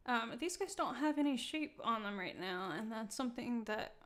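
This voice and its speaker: A woman hosting a live-streamed software tutorial, talking casually with many fillers and laughing at her own slips. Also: on the high side, animated, normal speed. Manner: casual, chatty, many ums, laughs at herself. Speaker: software demo host. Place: indoor room.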